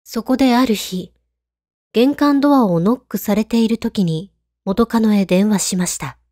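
A woman reading a scripted horror story in a hushed, calm, creepy storytelling manner. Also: medium pitch, moderate pace, no room sound, studio quality. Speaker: ghost story narrator.

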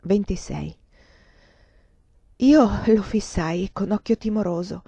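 A woman narrating a novel in the first person, with a measured, expressive reading. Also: medium pitch, vocal fry, husky, no room sound. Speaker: audiobook reader. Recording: dull lo-fi dry recording.

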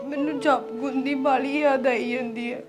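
Picture a young wife and mother, played by a woman, tearful and pleading, her voice pitched high. Soft music sits faintly behind her. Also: fairly even intonation, normal speed, close to an everyday voice. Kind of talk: village family drama acting.

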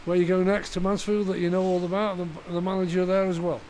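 A man interviewing a football manager after a match, asking his questions in a brisk, chatty way. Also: high voice, flat delivery, darkish tone, slight background noise, low-quality recording.

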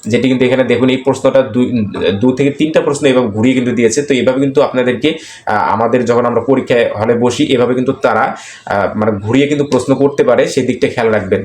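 A man's voice: mid-range voice, darkish tone. Bangladeshi man teaching in an echoey room. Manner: explanatory, repeats each question and answer, filler "aah". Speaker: exam prep teacher. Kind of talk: screen-recorded lesson walking through quiz answers. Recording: echoey room, faint background noise.

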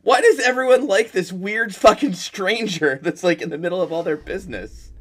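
A man's voice: high voice, moderate pace, a bit bright, breathy edge. A man riffing sardonically on a video game, swearing often and laughing at the story. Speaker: riffing commentator. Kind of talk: comedic let's-play riffing. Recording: voice over game audio with music.

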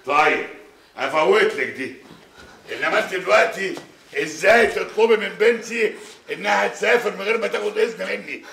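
An actor with an Egyptian accent playing a stern, hot-tempered middle-aged father who shouts at his family. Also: sits high, fairly quick, gravelly, distant mic, a little hiss or hum, exaggerated voice. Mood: furious. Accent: Egyptian Arabic. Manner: shouting, explosive. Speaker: angry father and husband. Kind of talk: Egyptian TV drama acting. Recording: echoey room with music.

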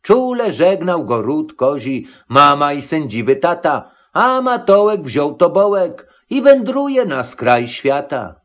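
A man narrating a children's rhymed storybook, reading the verse in an expressive, rhythmic way. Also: fairly high pitch, slow pace, few pauses.

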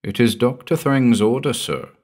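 A man voicing a calm, polite hospital attendant who speaks quietly and deliberately in a story reading. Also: medium pitch, breathy edge, voice pushed up, close to an everyday voice.

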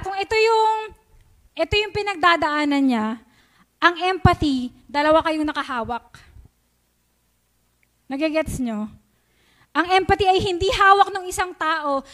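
A woman's voice: high voice, a bit bright. A woman with a Filipino accent giving a sermon in a conversational way, often asking the congregation questions and mixing English into her talk. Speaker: preacher. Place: church sanctuary.

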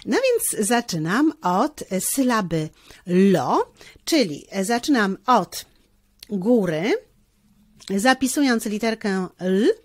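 A woman teacher who guides children through a handwriting lesson step by step, talking slowly and often pausing with fillers. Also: medium pitch, no room sound, studio quality. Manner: slow, step-by-step instruction with frequent hesitation fillers.

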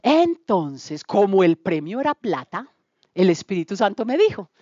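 A woman's voice: mid-range voice, sing-song, measured pace, warm tone, no echo, highs cut off. A woman with a Colombian accent giving a spoken testimony to a church group, telling her story with relish and acting out the dialogue. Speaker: testimony speaker.

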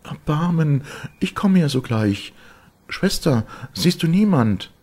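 A man reading a fairy tale aloud, raising his voice high to play a terrified young wife who pleads and begs. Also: sing-song, takes it slowly, darkish tone, heavily acted. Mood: pleading.

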